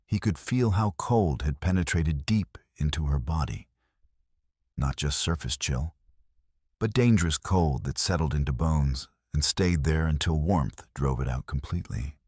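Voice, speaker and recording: Very deep man narrating a western. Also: no echo, clean studio sound. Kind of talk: scripted story narration.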